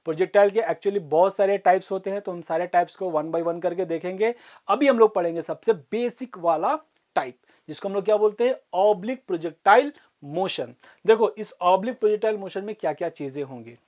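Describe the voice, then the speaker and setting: A woman teaching an online physics class for exam students. She explains step by step, slows down to dictate formulas, and keeps checking that students follow. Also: mid-range voice, a little mellow. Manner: explains step by step, often asks "ठीक है?" to check understanding.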